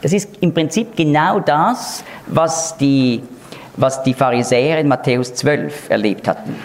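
A man's voice: mid-range voice, a little slow. A man teaching an expository Bible lesson in an emphatic, explanatory way, leaning hard on key words.

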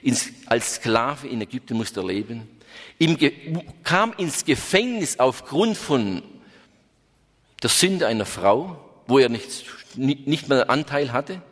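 Male preacher, storytelling sermon, lively pitch, asks the listeners, reverberant church. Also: slow pace, husky. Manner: animated, questioning the listeners. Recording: reverberant hall.

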